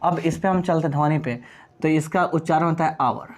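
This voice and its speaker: A man with a slightly high voice and normal speaking speed teaches English grammar in Hindi, lecture-style as in a classroom. He asks questions and answers them himself, and he spells words out letter by letter.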